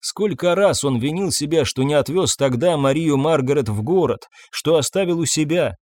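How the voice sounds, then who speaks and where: A man narrating an audiobook in a measured storytelling manner. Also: fairly high pitch, animated, darkish tone, dry recording. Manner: measured storytelling, voices figures himself. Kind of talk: scripted narration.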